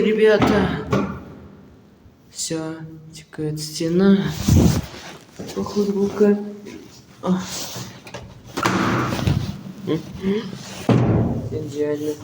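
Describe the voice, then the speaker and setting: A vlogger muttering and exclaiming in short fragments, chatting casually to viewers while filming amid wind noise in an echoey space. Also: mid-range voice.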